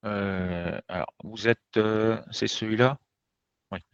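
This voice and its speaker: A man's voice: fairly low pitch, fairly even intonation, takes it slowly, clear, resonant tone, no echo. A man teaching as a French teacher, giving an explanatory lesson in a direct, emphatic way that speaks straight to viewers. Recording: dull, slightly muffled sound.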